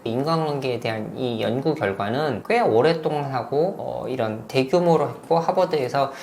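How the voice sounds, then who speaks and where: A man, a psychiatrist, giving measured explanatory answers in an interview. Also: mid-range voice, vocal fry, a little mellow. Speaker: psychiatrist guest. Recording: roomy room with faint noise.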